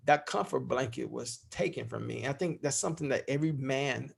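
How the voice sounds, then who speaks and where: A man's voice: medium pitch, fairly quick, creaky, breathy edge. A middle-aged man speaking as a podcast guest in candid interview talk, heartfelt and freely swearing.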